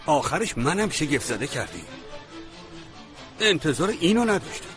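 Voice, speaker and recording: A man's voice: a little high, big pitch swings, over music. A man voicing a mocking, cold villain. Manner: mocking, contemptuous. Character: cold, taunting male villain. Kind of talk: Persian dub of a TV drama.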